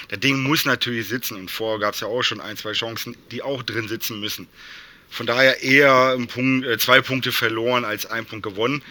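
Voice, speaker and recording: A man's voice: medium pitch, sharp tone. A man talking casually about football as a fan guest on a podcast.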